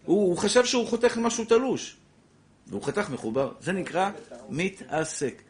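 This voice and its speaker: Man teaching a class, lively and animated, somewhat high voice, repeats points, acts out examples. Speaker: Torah teacher. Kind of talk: lively classroom halacha lesson.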